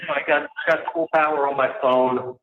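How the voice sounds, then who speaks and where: A man calling his family from a jail payphone, halting and repetitive as he reassures them. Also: medium pitch, steady tone. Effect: heard through a jail payphone. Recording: muffled echoey phone line with noise.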